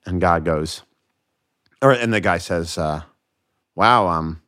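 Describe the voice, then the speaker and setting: An American man, a comedian guest on a podcast, telling jokes in casual chat and doing quick voices for the people in them. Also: low voice, clean tone. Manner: animated storyteller, voices joke characters.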